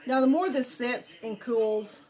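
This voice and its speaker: Folksy, higher-voiced woman. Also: a little slow, darkish tone, poor audio. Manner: folksy, chatty, addressing viewers. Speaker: home cook vlogger. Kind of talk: casual cooking demonstration chat.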